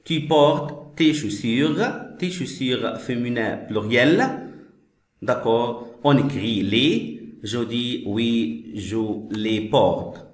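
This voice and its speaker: A man teaching French, explaining slowly and patiently, repeating each phrase and glossing it in English. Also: mid-range voice, animated. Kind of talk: slow classroom explanation. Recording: echoey room.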